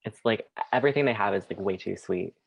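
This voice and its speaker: A young man in casual chat, talking in a quick, offhand way. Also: lowish voice, vocal fry, rough recording.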